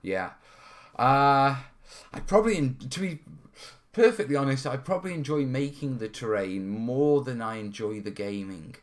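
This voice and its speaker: Animated and mid-range at a moderate pace, this North Wales host of a terrain-modelling hobby stream chats casually from his studio. He answers questions in a rambling, informal manner, regularly checking in with "yeah" and "you know."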